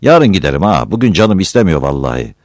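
A man's voice: sits low, sing-song, quick pace, no room sound, studio quality. A man voicing a lazy, cheeky young village man who jokes his way out of everything. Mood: joking. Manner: joking, easygoing.

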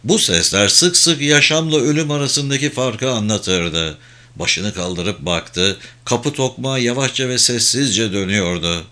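A man reading a thriller novel aloud in a measured, dramatic narration. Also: mid-range voice, lively intonation, sharp tone. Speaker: audiobook narrator. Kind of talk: scripted audiobook narration.

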